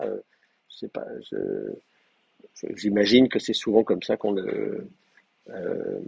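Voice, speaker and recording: A man's voice: lowish voice, creaky, darkish tone, husky, no room sound, lo-fi sound. A man teaching an advanced class in a live lecture, explaining patiently with frequent hesitations and fillers. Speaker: Hebrew teacher.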